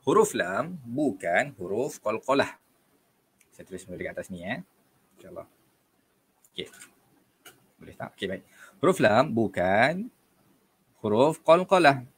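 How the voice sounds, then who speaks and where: A man with a Malaysian Malay accent teaching Quran recitation in a relaxed online lesson, patiently repeating letters and corrections, often saying okey, and chanting verses slowly to demonstrate. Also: mid-range voice, husky.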